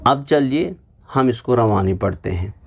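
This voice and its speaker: Slow, patient man teaching recitation. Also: medium pitch, lively intonation, gravelly, slightly rough. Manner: spells letters slowly then explains at quick pace; has listeners repeat after him. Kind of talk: Quran reading lesson.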